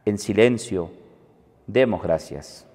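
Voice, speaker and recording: Slow priest in cathedral echo. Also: male voice, fairly low pitch. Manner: soft, measured, prayerful delivery. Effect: cathedral echo, long church reverb. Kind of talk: leading mass prayers. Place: large church. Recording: long church hall reverb.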